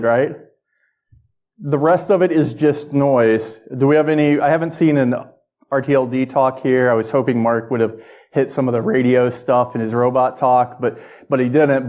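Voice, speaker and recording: A man with a medium-pitched voice speaks as a presenter at a technical conference. He delivers an informal lightning talk in a conversational manner, addressing his listeners directly and checking that they follow. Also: a little mellow.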